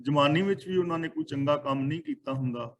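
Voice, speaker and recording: A man giving a sermon, chanting scripture lines slowly and then explaining them plainly. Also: a little high, poor audio. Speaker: Sikh scripture teacher.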